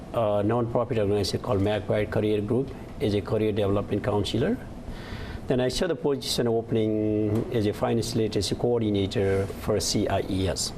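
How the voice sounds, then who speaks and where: Earnest man. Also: fairly low pitch. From Nepal. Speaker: guest, settlement services manager. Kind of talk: studio interview. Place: TV studio set. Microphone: lapel. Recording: audible background noise.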